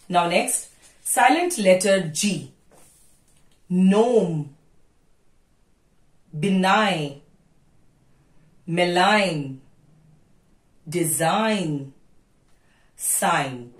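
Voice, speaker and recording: Slow, deliberate woman teaching pronunciation. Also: medium pitch, recorded from a distance. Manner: repeats each word slowly to drill it. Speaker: English teacher. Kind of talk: pronunciation lesson mixing Hindi and English. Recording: roomy echo.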